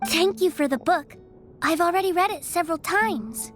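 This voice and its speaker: A woman's voice: extremely high pitch, expressive, normal speed. A woman voicing a sweet, polite, sickly little girl in a video game. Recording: music behind the voice.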